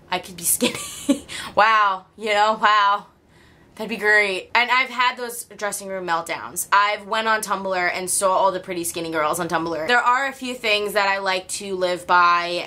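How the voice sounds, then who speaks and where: Animated young woman, bright voice. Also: mid-range voice. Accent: regional American accent. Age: young adult. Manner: candid and animated, laughs often. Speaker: YouTuber. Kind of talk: personal vlog talking to camera.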